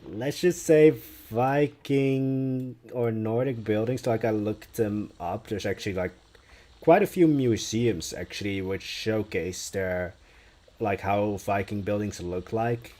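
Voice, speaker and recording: Low, mellow, and in no hurry, a young Dutch speaker chats in English during a building live stream, stretching out his speech. He muses aloud in a relaxed way and takes chat questions whenever they appear.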